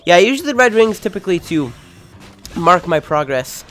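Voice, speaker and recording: A young man with a lisp giving casual, rambling, excitable and jokey commentary as he plays a video game. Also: high-pitched, brisk. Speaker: video game let's play host. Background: video game music.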